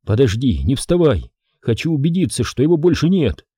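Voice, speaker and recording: A man reading an audiobook, voicing a calm, evasive young man who speaks slowly and hesitantly. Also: mid-range voice, husky, no echo, clean studio sound, pitched above the performer's own voice. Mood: urgent. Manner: slow, hesitant.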